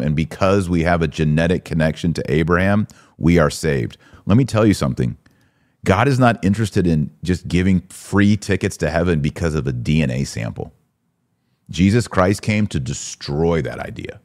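In this religious podcast, the male host talks at a normal pace in a deep, slightly mellow voice. His preaching commentary is emphatic and exhorting, full of rhetorical questions.

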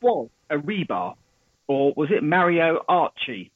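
A man calling in as a motorsport correspondent, chatty and excitable, his voice coming through a thin, phone-like headset line. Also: on the high side, unhurried, no echo. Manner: chatty and excitable, talks over others. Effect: thin phone-like line through a Bluetooth headset. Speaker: Formula One correspondent. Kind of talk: casual chat. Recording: thin, muffled call line, dry.

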